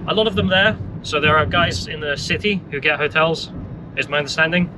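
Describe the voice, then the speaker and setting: A man with a fairly high voice muses his way through a point, restarting and circling back as he talks. Clear road noise from the car he rides in hums under every line, so it sounds like a vlogger recording on the move. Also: brisk. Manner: thinking aloud, with restarts and asides. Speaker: travel vlogger. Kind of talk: reflective commentary. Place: inside a moving car.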